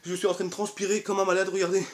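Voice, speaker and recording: Training his legs at home in the bedroom, a young adult fitness YouTuber talks viewers through it energetically, counting reps and encouraging them between breaths. His high voice is rapid-fire, and the camera mic across the room leaves it distant and echoey.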